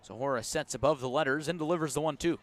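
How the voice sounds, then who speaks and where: An American man calls baseball play-by-play live on radio from an outdoor ballpark. He talks fast, moving between pitch calls and chatty asides.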